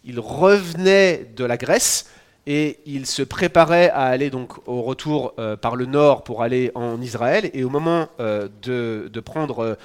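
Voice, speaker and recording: A French-accented male pastor in his forties preaches a sermon. He talks to the congregation in a relaxed, conversational way, teaching with humorous asides. His voice sits at an ordinary middle pitch. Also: measured pace, smooth. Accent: French (France). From France. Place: church in Quebec.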